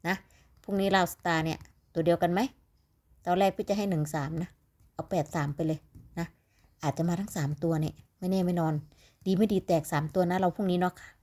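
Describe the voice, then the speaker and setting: A woman's voice: on the low side, steady tone, a little fast, pauses often, dark tone. A woman with an Isan accent from northeastern Thailand, chatting casually and ramblingly to her viewers as she tips lottery numbers, sounding sleepy. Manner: chatty, rambling, calls viewers "little siblings".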